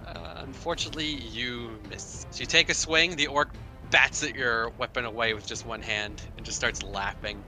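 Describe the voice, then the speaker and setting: A man runs a tabletop role-playing game as game master. His voice is very bright and forceful at a middle pitch, with faint music underneath. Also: steady tone, moderate pace, poor audio. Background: faint background music.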